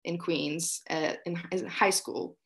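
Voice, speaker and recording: A woman's voice: lowish voice, steady tone, takes it slowly, fairly bright tone. A woman in her twenties from Egypt, a guest on a video-call interview, talking casually with lots of fillers. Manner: chatty, many fillers like "like". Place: small room indoors.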